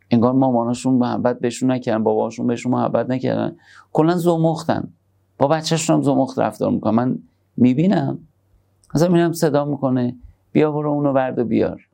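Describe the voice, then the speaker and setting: A man giving a conversational sermon on parenting, moving between soft, tender asides and emphatic points. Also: mid-range voice, vocal fry. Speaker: religious speaker.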